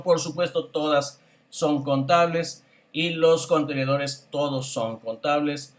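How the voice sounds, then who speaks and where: A man teaching English vocabulary in a patient lesson, repeating words slowly for pronunciation drills. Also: mid-range voice. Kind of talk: spoken grammar and pronunciation lesson.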